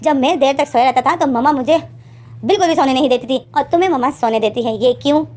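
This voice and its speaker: A woman's voice: high-pitched, fast talker, darkish tone, close to an everyday voice. A woman voicing a jealous young man who complains he is not the favourite, in a story reading. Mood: indignant. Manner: complaining, indignant. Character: young man, sulky, jealous, bossy about the office.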